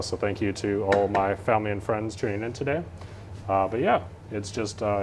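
A young Canadian man, a student chef, explains a dish during a live cooking demonstration in a large teaching kitchen studio, using lots of "uh" fillers. His voice is fairly low, and there's a little hiss or hum in the recording.

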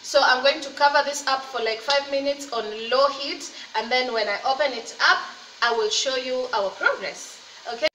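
A woman's voice: high voice, moderate pace, bright, forceful tone, a little hiss or hum. A woman in her thirties chatting casually and cheerfully while she cooks at home, encouraging her viewers as she goes. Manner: chatty, upbeat and encouraging, with faith talk. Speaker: cooking vlogger, mother. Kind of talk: casual cook-along chat. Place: home kitchen, indoors. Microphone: laptop or phone camera at desk distance. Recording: roomy, slightly distant camera mic with faint ambience.

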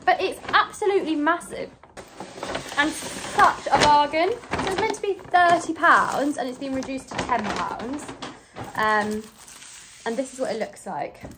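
A woman's voice: sits high, measured pace, background noise. A young woman from England, chatting casually to her phone camera in a rambling vlog full of fillers. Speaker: vlogger. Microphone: handheld phone.

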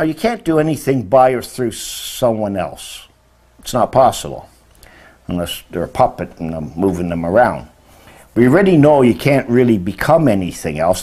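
This man in his sixties has a medium-pitched, warm voice. He gives an informal, emphatic religion lecture on the meanings of words, often asking rhetorical questions, indoors next to a presentation screen.

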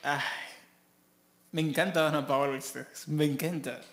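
A man reacting to music on his channel, gushing and excitable, often breaking into laughter as he comments. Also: a little high, a little slow.

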